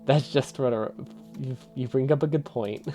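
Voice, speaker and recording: A man's voice: medium pitch, moderate pace, mellow, soft background music. A man streaming a video game live, thinking aloud, chuckling often and answering his chat in a casual, easily amused way.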